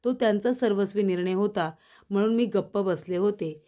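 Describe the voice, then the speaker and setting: A woman voicing a watchful, resolute young woman who calmly explains her reasons. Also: medium pitch, normal speed, lightly acted. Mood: determined. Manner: determined, explaining.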